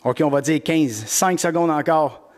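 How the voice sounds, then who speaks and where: A middle-aged fitness coach with a Québécois accent leads a live-streamed workout class, energetically greeting viewers by name. His voice is on the high side, and his pace is measured.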